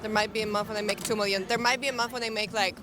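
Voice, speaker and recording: A woman's voice: mid-range voice, steady tone, rapid-fire. Playful woman singer from Poland. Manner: playful and giggly. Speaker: singer and dancer. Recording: outdoor street noise.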